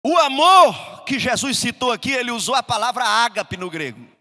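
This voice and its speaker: A middle-aged Brazilian man preaching a sermon as pastor, swinging between loud emphasis and soft asides. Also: extremely high pitch, very animated, moderate pace. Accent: Brazilian Portuguese. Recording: reverberant hall.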